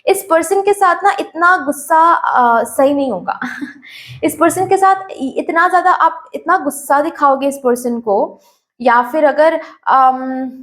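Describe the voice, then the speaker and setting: A woman's voice: high voice, slow, a bit bright. A woman giving a tarot reading, speaking straight to the viewer, mixing English words into her Hindi and repeating phrases. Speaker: tarot reader.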